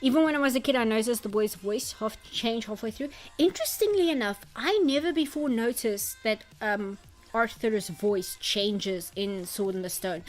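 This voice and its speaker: A woman's voice: fairly high pitch, normal speed. A woman streamer in casual chat who rambles and reads out chat comments. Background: faint background music.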